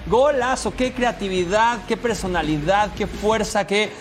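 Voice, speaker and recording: A man hosting a sports show, calling goal highlights in fast, excited, exclamatory commentary. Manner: exclamatory, emphatic.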